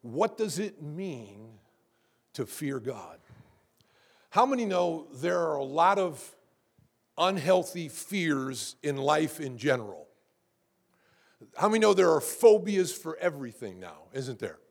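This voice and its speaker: Gravelly high-voiced preacher. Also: male voice, very animated, slow, long pauses. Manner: repeats words when building up, asks the congregation "how many know"; rises in pitch and volume to preach with force. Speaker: pastor. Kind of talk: sermon.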